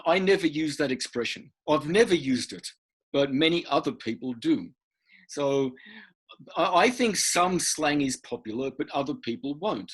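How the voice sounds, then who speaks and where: A man gives an online lesson over a video call, his voice a little husky and pitched fairly high. He moves slowly and deliberately, his tone rising and falling with lively swings as he repeats key words to drive them home. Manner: repeats words for emphasis, patient explaining. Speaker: English teacher. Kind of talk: online workshop presentation.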